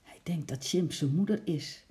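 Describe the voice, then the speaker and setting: A reader playing a calm, thoughtful father from a children's storybook, in a dark, mellow voice. He speaks in a measured, gentle way, with an even middle pitch. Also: natural voice. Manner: measured, soft-spoken. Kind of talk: storybook read-aloud.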